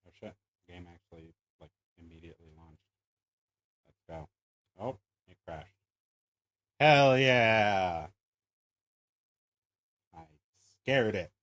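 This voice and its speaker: A man's voice: low-pitched, normal speed, pauses often, a bit bright, husky, no echo. Laid-back cursing man streaming games. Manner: laid-back, profane, laughs while arguing. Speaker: streamer host. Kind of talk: casual gaming stream chat. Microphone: voice chat mic.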